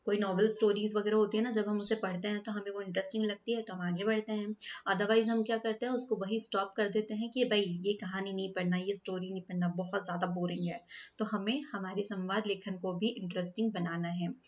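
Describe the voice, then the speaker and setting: A woman's voice: mid-range voice, little pitch movement, brisk, dull audio. A woman teacher explaining a school lesson patiently, often asking rhetorical questions and repeating her points.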